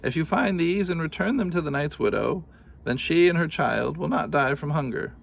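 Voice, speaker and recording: A man voicing a wise, kindly old woman who speaks gently and solemnly. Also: on the high side, expressive, normal speed, gravelly, pitched above the performer's own voice. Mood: earnest.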